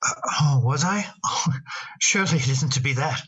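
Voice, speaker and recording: A man acting in an old radio drama as a tender father talking fondly to his daughter, gentle and a little halting. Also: a little high, slightly rough, lo-fi sound.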